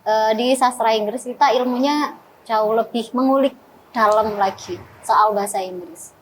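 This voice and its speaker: A woman's voice: fairly high pitch, a little slow, a little hiss or hum, rough recording. A young woman in her twenties, a student guest, explaining things in a friendly, casual way. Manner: friendly, answers in long explanations. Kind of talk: casual interview chat.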